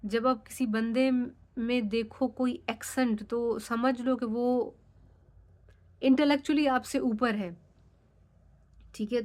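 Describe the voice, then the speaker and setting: A woman's voice: fairly high pitch, darkish tone. A young Pakistani woman, a native Sindhi speaker with a Sindhi accent, chatting frankly and casually as a vlogger, dropping English phrases into her talk. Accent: Sindhi-accented Urdu. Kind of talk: casual chat.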